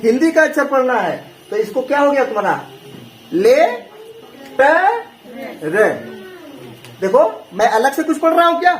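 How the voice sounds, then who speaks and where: An English teacher with a very high, animated voice runs a call-and-response lesson, quizzing his class with the same question again and again. He talks quickly with few pauses while soft music plays behind him. The echoey room carries faint noise.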